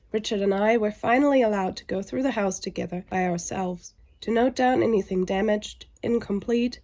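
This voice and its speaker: A woman's voice: medium pitch, dark tone. A woman sounding under the weather and weary, narrating a scripted vlog with frustration.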